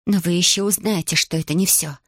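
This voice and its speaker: A woman's voice: lowish voice, a little fast, slightly rough, dry recording, studio quality. A woman voicing a determined young orphan girl who stands up to her stepmother, speaking firmly and pointedly, read for an audiobook. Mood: defiant. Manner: firm, pointed and steady.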